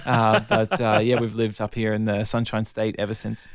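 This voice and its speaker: An Australian man in his thirties, an evangelist, telling his life story in a relaxed interview with a self-deprecating, articulate manner. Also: lowish voice, moderate pace, no echo, studio quality. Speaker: guest, evangelist.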